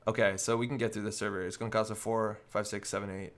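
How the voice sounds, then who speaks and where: A man's voice: on the low side, level tone, fast talker. A man giving live, casual commentary on a card game, thinking aloud as he works through each play step by step.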